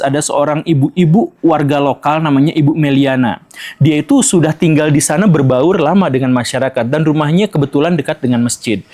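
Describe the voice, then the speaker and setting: A man's voice: fairly high pitch, a little mellow. A man, hosting his own channel, talking casually to viewers and walking them through a story with rhetorical questions. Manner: conversational, explains with rhetorical questions. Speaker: host.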